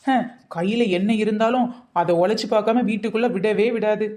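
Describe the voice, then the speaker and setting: A fretful young daughter-in-law who pleads and makes nervous excuses, as a woman acts her out in a comedy skit. Her voice sits at an ordinary middle pitch. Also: fairly quick, warm tone, close to an everyday voice.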